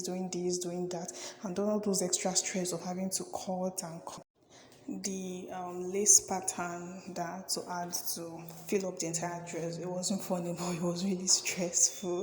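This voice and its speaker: A woman's voice: on the low side, darkish tone, slight background noise. Chatty young woman vlogger, echoey room. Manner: chatty and effusive, repeatedly urging viewers to like and subscribe. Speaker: fashion and sewing vlogger. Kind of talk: casual chat to camera. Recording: echoey room with long reverb.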